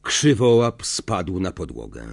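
Slow, expressive male audiobook narrator. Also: deep voice, gravelly, dry recording. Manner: expressive, measured reading. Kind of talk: scripted narration.

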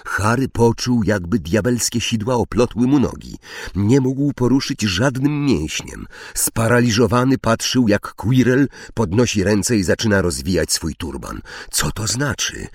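A man reading a storybook aloud as narrator, slow and dramatic with drawn-out pauses. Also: lowish voice, lively intonation, husky, no room sound, clean studio sound. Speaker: audiobook narrator.

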